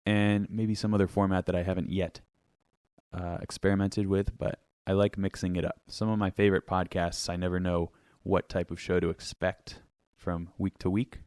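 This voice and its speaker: A man with a low, level, slightly mellow voice that sounds clear and resonant hosts a music podcast from his home studio. He reads a sponsor spot, then jokes playfully with a co-host, stretching words out for emphasis. It's captured dry and close on a studio mic, with no echo.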